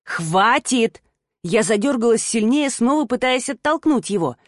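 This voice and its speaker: Casting: woman audiobook narrator, medium pitch, steady first-person storytelling, dry close mic. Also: moderate pace, no echo.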